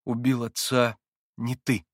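A gentle, devout young man pleading quietly and earnestly, as a male reader voices him. Slow, hushed delivery in a dry, close recording. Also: medium pitch, steady tone, no room sound, close to an everyday voice.

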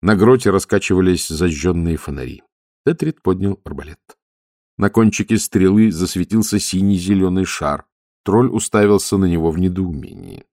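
A man narrating an audiobook in a measured storytelling manner. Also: sits low, darkish tone, no echo, studio quality. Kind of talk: scripted narration.

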